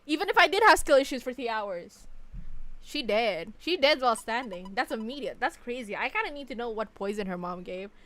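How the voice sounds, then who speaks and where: Brief: playful Indonesian-accented woman streamer, high and animated, casual game commentary. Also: a little fast. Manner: playful, excitable, swearing banter.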